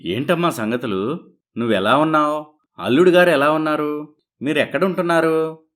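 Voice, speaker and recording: A man's voice: fairly high pitch, moderate pace, fairly bright tone, natural voice. A man voicing a loving, wealthy middle-aged father in a cartoon story, emotional and pleading with his daughter. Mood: gentle, fond. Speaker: father character.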